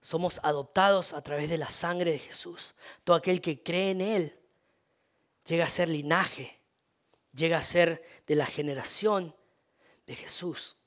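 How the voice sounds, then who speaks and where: This sermon comes from a man with a slightly high voice who speaks unhurriedly, restarting frequently, repeating himself, and asking for amens.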